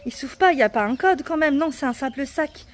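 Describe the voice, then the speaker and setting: A woman guiding a child through a garden treasure hunt, patient and encouraging, spelling words out slowly letter by letter. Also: sits high, lively intonation, a little hiss or hum. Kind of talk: casual family video chat. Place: outdoors in a garden.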